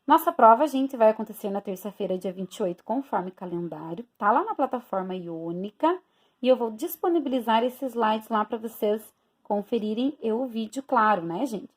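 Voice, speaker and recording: A woman's voice: on the high side, animated, moderate pace. A woman teacher from Brazil, recording a review lesson for her students and explaining each point step by step while checking in with them often.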